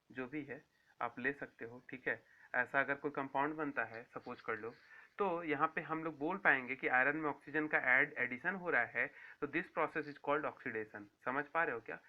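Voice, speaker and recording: A man giving a school science lecture, repeating key terms and asking then answering his own questions. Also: mid-range voice. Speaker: science teacher. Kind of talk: classroom lecture to students. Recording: tinny phone-like sound.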